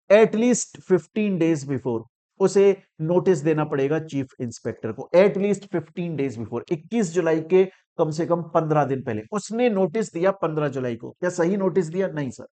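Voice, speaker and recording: A man giving a law lecture in Hindi and English. He poses questions and answers them himself, and he acts out what students ask. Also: on the high side. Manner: animated, asks and answers his own questions. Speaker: law teacher. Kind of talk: classroom lecture.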